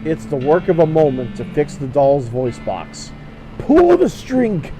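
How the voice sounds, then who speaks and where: A man with a middling pitch narrates a video game as he plays it. He reads the on-screen text aloud and adds his own commentary, with guitar game music clearly behind him. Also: moderate pace, mellow, low-quality recording.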